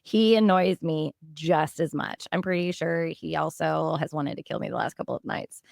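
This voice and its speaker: Thirtysomething woman chatting on a podcast, a bit of vocal fry, dry close mic, laughs a lot. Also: sits low, normal speed, dry recording. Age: 30s. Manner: animated, laughs often. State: strained voice. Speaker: podcast co-host. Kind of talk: casual chat.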